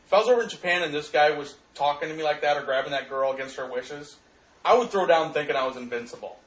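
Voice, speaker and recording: A man with a somewhat high voice riffs in crude, excitable jokes while chatting with friends over a video. He sits a little way from the mic, and the room adds a roomy echo. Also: fast. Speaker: commentator. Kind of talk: casual chat watching a video. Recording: echoey room, far from mic.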